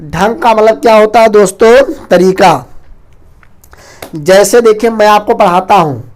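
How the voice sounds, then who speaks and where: A man teaching an online exam-prep Hindi lesson, talking very fast and loudly and often calling the viewers his friends. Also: high-pitched. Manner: fast, rapid-fire delivery; loud, near-shouting teaching.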